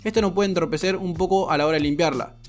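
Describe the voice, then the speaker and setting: A man's voice: sits high, quick pace, soft background music. A man, a barber giving a frank, explanatory voice-over tutorial. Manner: frank, explanatory, repeats "muy pero muy". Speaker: barber reviewing shavers.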